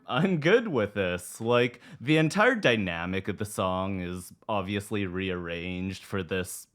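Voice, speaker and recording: A man with a low, croaky voice hosts a music reaction in an informal way. He takes his time as he talks, laid-back and self-deprecating, with some strain audible in the voice. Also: fairly bright tone. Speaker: music reaction host, former performer. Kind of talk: casual reaction commentary.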